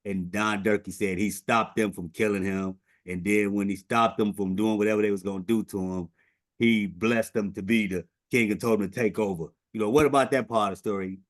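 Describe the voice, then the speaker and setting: A man's voice: on the low side, fairly even intonation, a little fast, no echo, clean studio sound. A man hosting a casual interview, often filling with "you know what I'm saying". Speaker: host.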